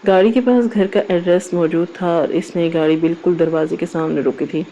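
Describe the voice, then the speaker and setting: Mellow-voiced woman storyteller. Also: fairly low pitch, steady tone, muffled recording. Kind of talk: scripted story narration.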